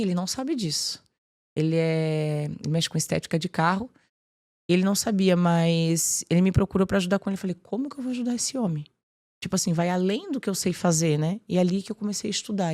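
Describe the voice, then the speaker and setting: Animated woman sharing her faith. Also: fairly low pitch, a little fast. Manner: animated, fills speech with "tipo assim". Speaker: podcast guest. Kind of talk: casual faith conversation.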